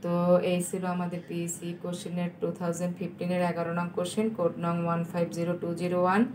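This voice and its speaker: A Bangladeshi woman teacher, a native Bengali speaker, giving a recorded lecture and dictating English sentences slowly so students can write them down. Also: on the low side, completely flat delivery, noisy background.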